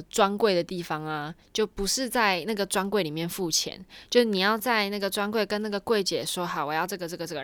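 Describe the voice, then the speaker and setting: A woman's voice: medium pitch, fairly bright tone, no echo. A woman talking casually to her viewers in a rambling, chatty way, with small laughs along the way. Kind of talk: casual storytelling vlog.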